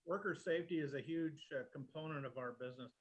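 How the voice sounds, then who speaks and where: A man's voice: on the high side, quick pace, rough recording. Matter-of-fact man running a family firm. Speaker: company owner. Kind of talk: testimony in a video.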